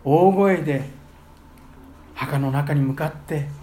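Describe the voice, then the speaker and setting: A man preaching a sermon as pastor, earnest, with his voice swelling loudly on key phrases. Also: a little high, takes it slowly.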